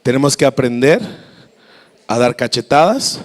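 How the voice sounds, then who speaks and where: A Mexican man preaching a lively, story-filled sermon as pastor, with a Mexican Spanish accent, in a church. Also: medium pitch, measured pace, big-room sound. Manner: lively, storytelling, acts out voices.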